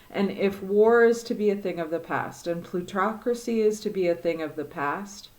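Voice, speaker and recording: A woman with a Midwestern accent giving a spoken tarot and divination reading, slow and reflective, with many pauses and fillers. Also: mid-range voice. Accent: Midwestern American. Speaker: tarot reader.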